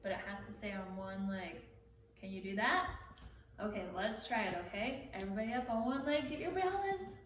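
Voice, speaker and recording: A woman teaching children songs, speaking gently and encouragingly and singing along. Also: mid-range voice, a little fast, slight background noise. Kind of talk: children's music lesson. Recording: echoey room from far off, music behind.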